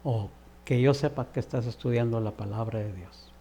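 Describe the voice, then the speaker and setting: A man's voice: medium pitch, normal speed, gravelly, warm tone, breathy edge. A man preaching an earnest televised sermon, exhorting the viewer directly.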